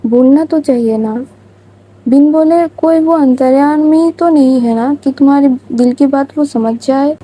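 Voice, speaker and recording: A woman's voice: high-pitched, unhurried, mellow, poor audio. A woman voicing a blunt scolding girlfriend. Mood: pressing. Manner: impatient, nagging questions. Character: blunt young woman scolding her best friend.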